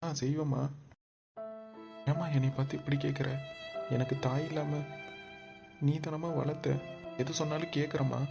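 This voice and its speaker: Woman voicing a deep-voiced village son. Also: steady tone, normal speed, vocal fry, pauses often. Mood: earnest. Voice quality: low put-on voice. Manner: earnest, puzzled village talk. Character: kind grown son, a young man. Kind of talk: cartoon voice acting. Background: background music.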